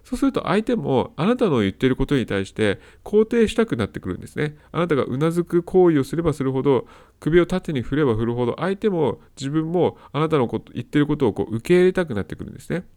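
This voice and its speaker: A man's voice: on the high side, big pitch swings, fast, few pauses, a little mellow. A man hosting a solo advice talk, explaining step by step and repeating his key points. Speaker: host of a self-help audio talk.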